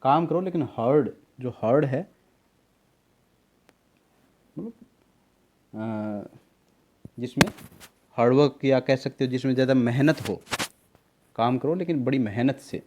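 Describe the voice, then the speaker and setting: A man's voice: mid-range voice, unhurried, pauses often, warm tone, slight background noise. A man teaching a spelling lesson, patiently explaining words, repeating them, spelling them out letter by letter and calling his students beta. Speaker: tutor.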